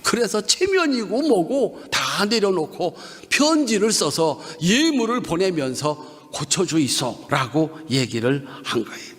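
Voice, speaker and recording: A man's voice: high voice, a little slow, hardly any pauses. A man preaching at an evening revival service with a Chungcheong Korean accent, leading the congregation in call-and-response lines. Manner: animated, leads the congregation in call-and-response repetition. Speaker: guest pastor. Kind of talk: revival sermon. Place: church sanctuary during an evening revival service. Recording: long reverb of a church hall.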